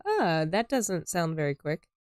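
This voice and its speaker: A woman chatting on a gaming stream, poking at her partner's claims with quizzical, playful doubt. Her voice sits a little on the low side. The sound is dry and close to the mic. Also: very animated, a little slow, a little mellow, clear, resonant tone, dry recording. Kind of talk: casual chat while playing.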